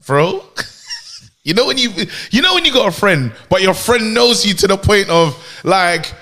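A man with a London roadman accent telling animated stories in casual, slang-filled podcast chat, acting out quotes. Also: high voice, normal speed. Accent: London, urban roadman slang style.

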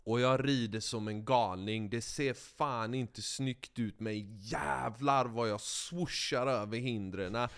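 This man talks with a smooth, resonant voice at an ordinary middle pitch. He spins a cocky, foul-mouthed story in a loose, conversational way and keeps the momentum going. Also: few pauses. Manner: lively, profane, boastful storytelling. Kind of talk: casual chat, animated storytelling.

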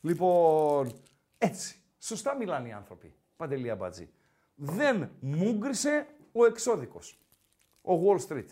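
A Greek-accented man hosting a casual sports podcast in a high, animated voice. He talks fast and loose and ribs his co-host as he goes. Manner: teasing, animated, repeats the co-host's name.

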